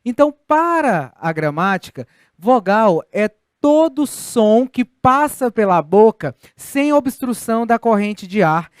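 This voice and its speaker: A man's voice: high voice, big pitch swings, slow, clean tone, no echo, studio quality. A Brazilian man giving a recorded grammar lesson, explaining step by step and asking his students rhetorical questions. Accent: Brazilian Portuguese. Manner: didactic, addresses students directly with rhetorical questions. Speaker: Portuguese teacher.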